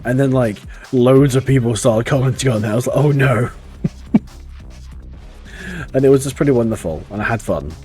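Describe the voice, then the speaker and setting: While gaming on a live stream, this man rambles in casual chat, cursing freely and frequently starting over. He talks at a normal speed with long pauses in a darkish, medium-pitched voice, and faint game music plays behind him.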